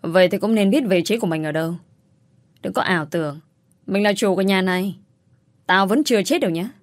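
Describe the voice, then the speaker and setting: In a told story, a woman acts out a cruel, bullying sister-in-law, scolding and insulting with scorn. Her mid-range voice is fairly quick and sounds close to everyday speech, and the recording is dry.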